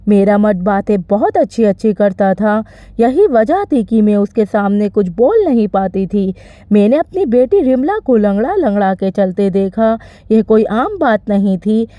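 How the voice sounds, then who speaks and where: A woman narrating an emotional first-person story in an expressive storytelling manner. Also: medium pitch, normal speed, no echo. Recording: slightly dull, dry recording.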